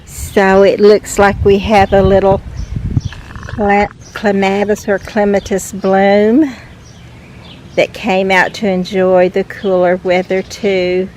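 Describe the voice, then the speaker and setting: A woman's voice: mid-range voice, flat delivery, slow pace, darkish tone. A woman chatting casually and cheerfully as she gives a garden tour outdoors. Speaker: gardening vlogger. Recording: clear outdoor background noise. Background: outdoor ambience.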